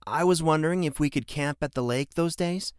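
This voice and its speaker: A man's voice: fairly high pitch, a little fast, smooth, no echo, clean studio sound, pitched above the performer's own voice, natural voice. A man voicing a spirited young woman who talks eagerly with her father.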